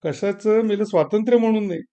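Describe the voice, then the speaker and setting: A man voicing a fretful middle-aged wife who pleads and complains, quick to tears. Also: high-pitched, dark tone, voice pushed up. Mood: tearful complaint. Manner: pleading, complaining, sing-song.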